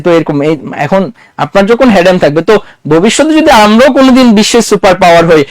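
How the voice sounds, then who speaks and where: A man's voice: high voice, no room sound. A man lecturing a classroom in a conversational way, quizzing his students and mixing English words into his talk. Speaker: teacher.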